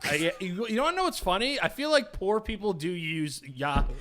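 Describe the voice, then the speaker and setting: A man's voice: sits high, animated, normal speed, a bit bright. A man in his thirties, co-hosting a podcast in crude, joking casual chat. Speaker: podcast co-host.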